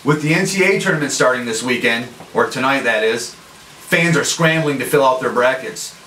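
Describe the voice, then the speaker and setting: A man's voice: medium pitch, moderate pace, sharp tone, close to an everyday voice. A man playing a straight-laced, easily baffled sportscaster in a parody segment, with a stiff, formal delivery. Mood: businesslike. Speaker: sports anchor. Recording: echoey, distant mic, faint noise.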